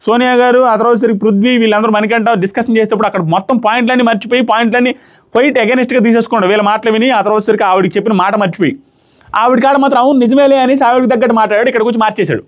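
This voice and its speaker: A man with a high voice talks quickly. He breaks down a reality show in casual commentary, mixing in English phrases as he argues his points. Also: steady tone. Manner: rapid, analytical, mixes in English phrases.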